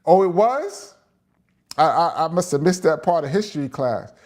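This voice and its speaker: A man's voice: fairly high pitch, animated, normal speed, darkish tone. Chatty New York man hosting. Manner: chatty, laughs often, lots of "um" fillers. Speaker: host reading live chat questions. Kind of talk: casual live chat and Q&A.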